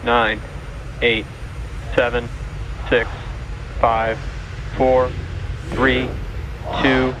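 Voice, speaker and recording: A man calling out a rocket launch countdown in clipped, measured callouts over launch control radio that breaks up. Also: mid-range voice, flat delivery. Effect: launch control radio breaking up through loud noise. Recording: distant noisy launch broadcast. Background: loud rocket and wind noise.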